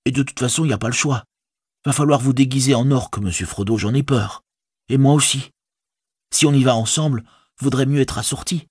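A man's voice: medium pitch, fairly quick, a little mellow, husky, no room sound, studio quality, voice pushed up, close to an everyday voice. A man voicing a loyal, humble young hobbit servant in an audiobook, speaking in a folksy, deferential way in a raised voice. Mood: determined. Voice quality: folksy colloquial speech, deferential. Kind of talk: audiobook character voice.

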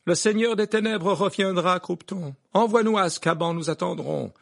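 A man's voice: high-pitched, normal speed, creaky, pitched above the performer's own voice. A man voicing a proud, fanatical woman who proclaims her defiance in an audiobook reading. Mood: defiant. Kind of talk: audiobook character voice.

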